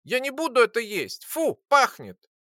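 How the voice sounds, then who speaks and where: A narrator voicing a tiny, indignant female winged creature with a shrill, squeaky voice in an audiobook. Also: huge pitch swings, moderate pace, no room sound, clean studio sound, full character voice. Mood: furious. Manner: indignant, yelling, capricious. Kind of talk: audiobook character voice.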